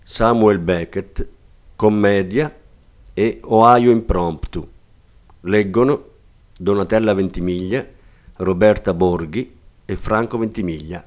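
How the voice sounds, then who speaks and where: A man announcing a radio literary reading program in a slow, formal manner. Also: lowish voice. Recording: announcement over loud violin music.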